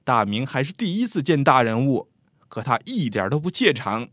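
A man narrating a scripted story with an expressive, lively delivery. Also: medium pitch, moderate pace, dry recording, studio quality.

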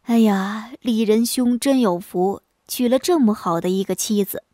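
A woman voicing a talkative, easily impressed scholar husband in a storybook tale, speaking a little lower. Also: normal speed, warm tone, no room sound, studio quality, close to an everyday voice. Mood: admiring.

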